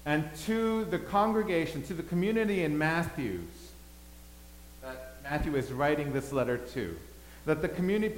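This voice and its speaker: Pastor, male, preaches a sermon with loud peaks and hushed lines, reverberant sanctuary. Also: a little high. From Thailand. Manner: dynamic, swings between loud emphasis and quiet asides. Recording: echoey hall, faint hum.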